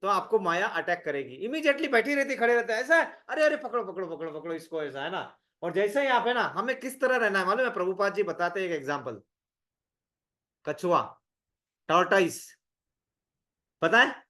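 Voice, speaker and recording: A man with a notably high-pitched voice leads a scripture study group. He talks in a loose, conversational way. He keeps quizzing his listeners and repeats words for emphasis. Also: expressive, normal speed, pauses often, bright, forceful tone. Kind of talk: interactive scripture class.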